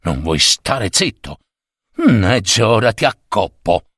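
A man voicing a hot-tempered, violent peasant husband in a folk tale, gruff and threatening with drawn-out words. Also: fairly low pitch, very animated, fairly bright tone, no echo, studio quality, heavily acted.

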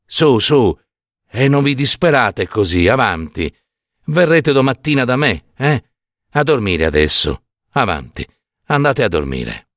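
A man voicing a kind but firm young village doctor in a story reading, calm, soothing and a little brusque. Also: medium pitch, a little slow, no echo, clean studio sound. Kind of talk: dramatic audiobook reading.

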